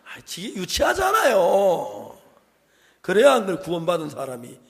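An older pastor delivers a sermon in a fairly high voice, pressing his points hard and then dropping to hushed asides. He keeps turning to the congregation with quick rhetorical questions. His voice carries a long reverb, as if spoken in a large church hall. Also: wildly swooping pitch, vocal fry. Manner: emphatic, shifts between loud exhortation and quiet asides; frequent rhetorical check-ins to the congregation.

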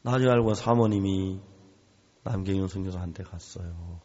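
A man's voice: sits low, moderate pace, darkish tone. A male pastor preaching a sermon, telling a story with animation and acting out the voices of the people in it. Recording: reverberant hall, dull lo-fi sound.

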